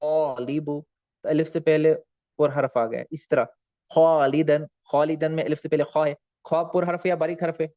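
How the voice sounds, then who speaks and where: A man teaching recitation rules in a recorded slide lecture. He asks questions and answers them himself, repeats key terms, and drags out example words slowly. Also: on the high side, fairly even intonation, a little mellow, dry recording.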